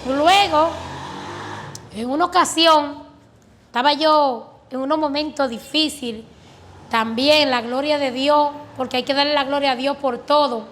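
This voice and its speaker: Woman, high voice, earnest faith testimony, fervent storyteller. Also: fairly even intonation, unhurried, a bit bright, a little hiss or hum. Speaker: guest giving a faith testimony. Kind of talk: religious personal testimony.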